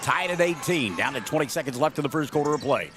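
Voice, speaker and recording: A man calling a high school basketball game on the radio, jokey and excitable, yelling on big plays. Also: fast. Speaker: play-by-play announcer. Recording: gym crowd noise behind.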